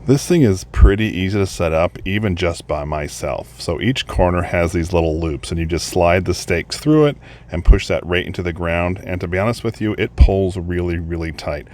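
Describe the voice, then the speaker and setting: Male product reviewer, low voice, chatty and upbeat, casual beach review. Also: moderate pace, darkish tone. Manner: chatty, upbeat, thinking aloud. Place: beach, outdoors.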